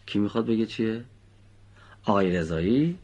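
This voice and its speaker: A man's voice: on the low side, expressive, a little mellow. A male teacher patiently quizzing his pupils and praising their answers. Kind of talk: classroom teaching with questions to pupils.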